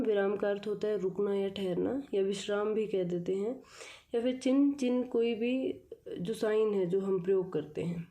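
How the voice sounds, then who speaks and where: A woman's voice: mid-range voice, warm tone. A woman, explaining a school lesson, patiently repeating and rephrasing each point. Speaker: teacher.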